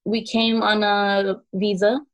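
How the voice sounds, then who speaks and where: A woman's voice: mid-range voice, flat delivery, takes it slowly. A woman from Costa Rica telling her family's story casually, with many fillers, in a documentary interview.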